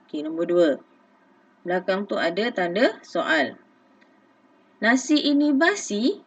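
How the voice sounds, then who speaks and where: A woman's voice: mid-range voice, fairly bright tone, no echo, far from the mic, muffled recording. A Malaysian woman teacher explaining grammar patiently, with many okays, in a recorded lesson. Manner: patient, calls herself cikgu, many okays. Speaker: schoolteacher.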